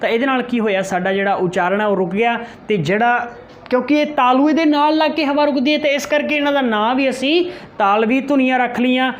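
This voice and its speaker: A male teacher giving an exam-prep grammar lesson, repeating key terms, slowly sounding out example letters and answering his own questions. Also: high-pitched, muffled recording, slight background noise.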